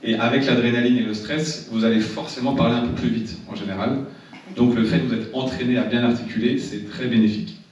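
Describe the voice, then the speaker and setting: A man's voice: medium pitch, steady tone, fairly quick, darkish tone. A man training a seminar audience in public speaking, talking casually with many restarts and repeated words. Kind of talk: seminar talk to a live audience. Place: seminar room. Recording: echoey room, distant mic, dull sound.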